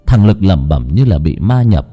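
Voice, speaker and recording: A man's voice: deep voice, sing-song, moderate pace, breathy edge, dull audio, soft background music. A man narrating a ghost story in a dramatic, suspenseful way. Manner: dramatic, suspenseful, wide-ranging delivery.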